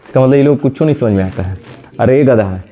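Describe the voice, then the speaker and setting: Scolding teacher. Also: male voice, medium pitch. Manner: scolding, brisk, addresses students directly. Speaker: reasoning teacher. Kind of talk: classroom lecture. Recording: dull lo-fi sound.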